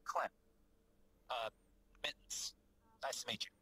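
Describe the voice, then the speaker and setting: A man with a bright, sharp-edged voice greets others in a role-play. He sounds friendly and easy, keeping the talk polite. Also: slow, no echo.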